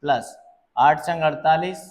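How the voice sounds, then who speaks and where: A man tutoring physics, slowly working through exam problems and checking that students follow. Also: a little high. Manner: calls students "beta", checks understanding; slow, deliberate explaining.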